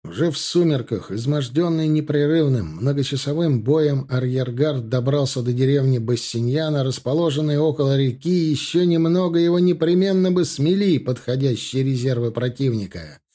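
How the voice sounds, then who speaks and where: A man narrating a historical war novel as an audiobook, in a steady storytelling voice. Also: mid-range voice, normal speed, few pauses.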